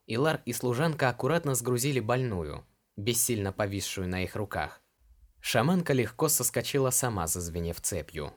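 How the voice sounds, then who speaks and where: A male narrator reads an audiobook in a fairly low voice. His delivery is steady and even.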